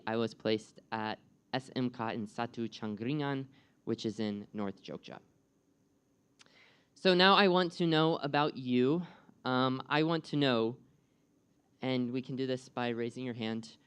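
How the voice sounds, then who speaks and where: A young man from the United States, a guest speaker and program coordinator, gives a live presentation. His medium-pitched voice is clear and resonant, and he draws the audience in with friendly questions.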